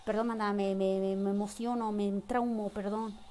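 A woman's voice: mid-range voice, moderate pace. A young woman with a Mexican accent doing casual live gameplay commentary, thanking viewers and breaking into shrieks and laughter. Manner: excitable, bursts into shrieks and laughter, greets viewers warmly. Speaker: live-streamer.

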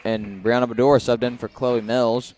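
A man's voice: medium pitch, level tone, normal speed, a little mellow, slight background noise. A young man giving casual, chatty color commentary on a volleyball match, with jokey asides. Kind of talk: live sports commentary.

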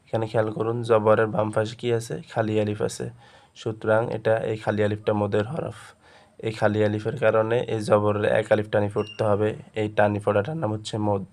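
A man teaching a step-by-step lesson, chanting letter spellings over and over. His voice is smooth and a little low, and he keeps the melody almost completely flat as he points his listeners to the page. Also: a little fast. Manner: drills spellings in a repetitive chant; directs attention to the page. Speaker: Quran reading teacher.

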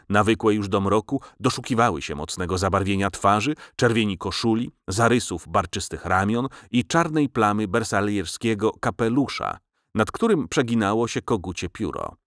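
A man reading a novel aloud as an audiobook narrator, with measured, expressive storytelling on a close studio mic. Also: lowish voice, no room sound. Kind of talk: scripted literary narration. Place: recording studio.

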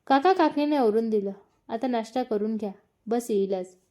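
A woman reading as a brisk, scolding sister-in-law. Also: fairly high pitch, warm tone, lightly acted. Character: sharp-tongued young housewife, sister-in-law.

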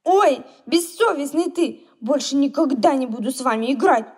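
A woman voicing an emotional, quick-tempered little girl in a children's storybook reading. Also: high voice, darkish tone, lightly acted. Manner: emotional, exclaiming, tearful.

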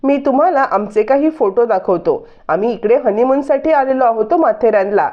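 Woman narrator reads a flustered, pleading young husband; high, lo-fi. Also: expressive, moderate pace, natural voice. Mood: urgent. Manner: urgent, pleading.

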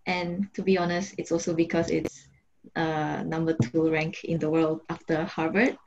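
A young woman who grew up in Singapore speaks on a video call in a measured, earnest way. Her voice is a little low for a woman. The call audio is slightly dull. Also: flat delivery, noisy background. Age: young adult. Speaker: student panellist. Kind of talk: casual video-call chat.

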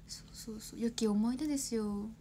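A woman's voice: a little high, a little fast, warm tone, slight background noise. A young woman in her twenties, an idol chatting casually on a livestream, rambling, laughing often and answering viewer comments.

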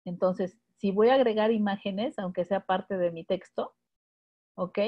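A woman's voice: mid-range voice, a little slow. A woman with a Mexican accent leading a live webinar tutorial, explaining step by step and checking in with her listeners. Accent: Mexican Spanish. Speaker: instructor. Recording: dull lo-fi webinar audio.

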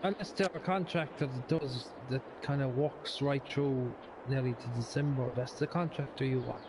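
A man's voice: mid-range voice, normal speed. A man chatting casually in a colloquial, sweary way. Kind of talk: casual chat. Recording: noisy voice chat with engine sound.

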